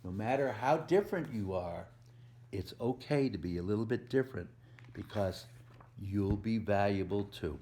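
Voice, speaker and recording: Gently explaining and posing simple questions to his young listener, a man reads a picture book aloud as a volunteer storyteller for children. His voice is on the low side, at a moderate pace.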